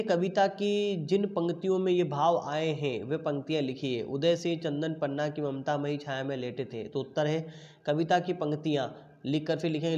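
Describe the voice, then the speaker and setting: Male teacher, slightly high voice, deliberate dictation, muffled lo-fi recording. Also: a little mellow. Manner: slow deliberate dictation of answers. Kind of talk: online class lesson.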